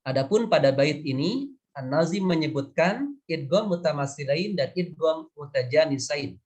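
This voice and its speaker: A man explaining recitation rules in a deliberate way, repeating the key terms. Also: fairly high pitch, animated, darkish tone. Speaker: tajwid teacher and interpreter. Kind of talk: lesson explanation.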